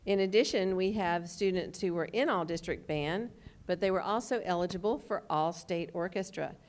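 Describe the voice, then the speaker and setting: Woman, school official, somewhat low voice, careful reader of names at a board meeting. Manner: measured, careful name reading. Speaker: school official presenting awards.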